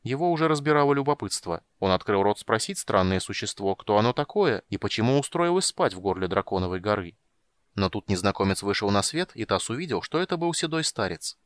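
Low-voiced man narrating expressively. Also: dry recording. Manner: expressive storytelling. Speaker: audiobook reader. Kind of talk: scripted fantasy narration.

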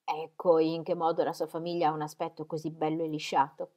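A woman reading aloud voices a sharp-tongued society lady who gossips and teases. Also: deep voice, flat delivery, natural voice. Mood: mocking. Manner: teasing, mocking, quick remarks.

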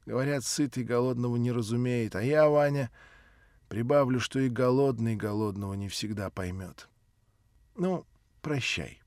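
A man voicing a grieving old man who pleads slowly and softly. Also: on the high side, sing-song, dry recording, clean studio sound, voice pushed up. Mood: sorrowful.

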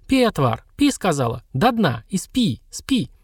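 A man's voice: high voice, very animated, unhurried, husky, no echo, clean studio sound, voice pushed up, full character voice. A man voicing a stern old woman healer and witch who scolds brusquely. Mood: stern scolding.

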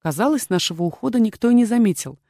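A woman narrating a first-person novel in an even, measured way. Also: a little high, no room sound, clean studio sound. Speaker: audiobook narrator.

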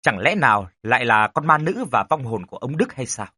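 A man narrating a ghost story in a dramatic, expressive way. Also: medium pitch, fairly quick, slightly rough, dry recording, studio quality.

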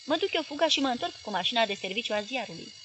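A woman's voice: fairly high pitch, animated, fairly bright tone, slight background noise. A woman reading the lines of an earnest, loyal young man in an audiobook.

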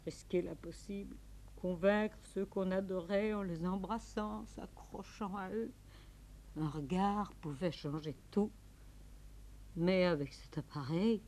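A desperate woman pleading on the phone. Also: lowish voice. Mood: sorrowful. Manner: pleading, trembling, swings from hushed to frantic. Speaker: actress. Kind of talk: 1950s radio drama acting.

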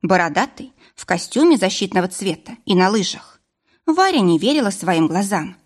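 Female audiobook narrator, expressive, lively storytelling. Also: mid-range voice, normal speed.

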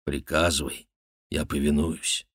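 A man voicing a passionate young nobleman, speaking low and hushed. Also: little pitch movement, a little slow, slightly rough, no echo, clean studio sound, heavily acted. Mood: ardent.

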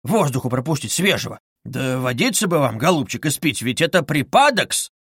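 A man's voice: medium pitch, very animated, moderate pace, fairly bright tone, breathy edge, no room sound, studio quality, full character voice. A man voicing a sly, fawning middle-aged male investigator who wheedles and needles with ingratiating asides. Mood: fussing.

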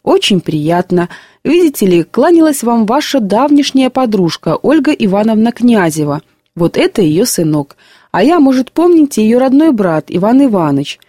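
A woman voicing a calm, polite middle-aged man asking his way, in a storybook reading. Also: a little high, normal speed, no room sound, studio quality, voice pushed up. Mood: courteous.

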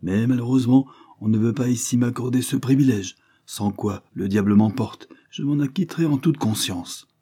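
A man's voice: medium pitch, moderate pace, hardly any pauses, dark tone, breathy edge, pitched above the performer's own voice, lightly acted. A man voicing a blunt, harsh woman servant who scolds brusquely. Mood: scolding.

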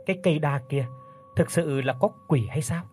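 A man's voice: fairly high pitch, moderate pace, darkish tone, soft background music, natural voice. Man doing a worried old grandfather. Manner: urgent, wondering.

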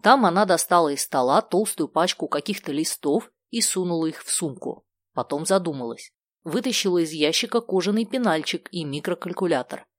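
A woman narrating a children's book in a steady, clear storytelling manner. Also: lowish voice, a little fast, dry recording. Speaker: audiobook narrator. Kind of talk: scripted narration.

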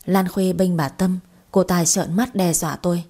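A woman narrating a first-person family story in a brisk, lively reading. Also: on the low side.

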